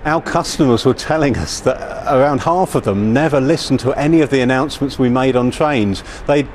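A middle-aged man giving measured, corporate explanations as a spokesman in a news interview. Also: mid-range voice, a little mellow, slight background noise. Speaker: company spokesman. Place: covered railway station platform. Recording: faint train station ambience.

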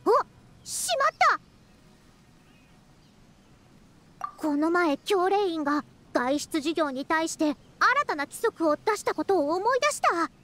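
A woman voices a proud, youthful-sounding scholar and teacher in a Japanese anime-style video game, using a very high pitch, lively intonation, and moderate pace. Flustered and grumbling, the character speaks in a self-important yet caring way with old-fashioned, elder-like phrasing.

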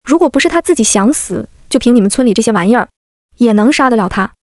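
A woman's voice: fairly high pitch, animated, fast, a little mellow, no room sound, clean studio sound, natural voice. A woman voicing a blunt, matter-of-fact young male Taoist exorcist in a storybook reading. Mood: cool blunt.

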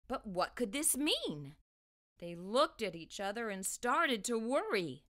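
This middle-aged storytime host reads to young children through a lapel mic, her fairly high voice very lively, bright and clear-cut. She goes slowly and expressively, shaping every phrase for her little listeners.

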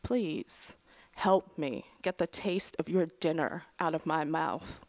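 A middle-aged woman reading her own memoir essay aloud at a lectern in a large auditorium, dry and wry, with soft trailing phrase endings. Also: low voice, takes it slowly. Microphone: lectern microphone.

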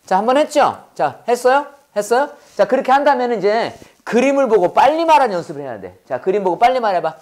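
A man leads an English lesson, his pitch swinging widely as he drills phrases. He fires questions at the class and answers them himself, repeating each phrase for the learners to copy. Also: sing-song, fast talker, few pauses, a little mellow. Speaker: English teacher.

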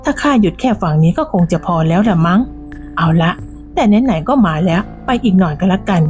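A woman's voice: lowish voice, animated, brisk, darkish tone, faint music behind, close to an everyday voice. A woman voicing a stubborn, feisty old village woman who sells mushrooms and brushes off warnings, in a storybook reading. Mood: eager.

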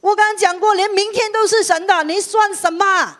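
A woman's voice: very high voice, steady tone, moderate pace, a bit bright. A woman pastor, preaching a sermon and telling a personal testimony that builds to fervent exhortation.

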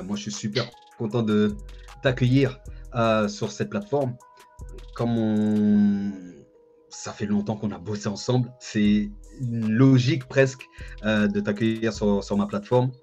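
Hosting a relaxed interview by video call, this thirty-something man tends to repeat his own phrases. He speaks unhurriedly in a lowish, steady, darkish voice, from an indoor room with a bookshelf. The call audio is dull and lo-fi, and music plays in the background.

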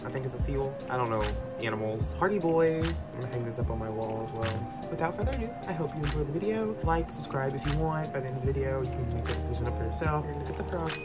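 A man's voice: medium pitch, fast talker, few pauses. A teenage boy with a stuffy, congested nose, rambling in a casual, self-mocking voiceover from his bed. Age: teens. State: nasal congestion. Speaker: art vlogger. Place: bedroom, sitting in bed. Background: background music.

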